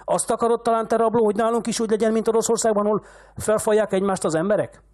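A man reading aloud as a furious old rich village patriarch who shouts insults and rants at a younger man. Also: extremely high pitch, lively intonation, pitched above the performer's own voice. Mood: raging.

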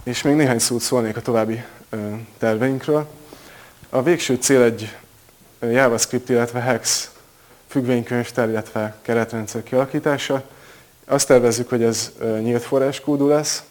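A man presenting a technical project at a conference, pausing often with filler sounds. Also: mid-range voice, steady tone, darkish tone. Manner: hesitant, many filler sounds.

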